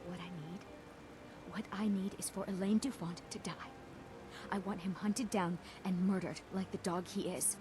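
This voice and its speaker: A woman's voice: fairly low pitch, fairly even intonation, normal speed, over music, lightly acted. An actress playing a bitter, vengeful jilted woman in a fantasy video game, with intense, emphatic phrasing. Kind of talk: dramatic video game voice acting. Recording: game audio with clear background noise.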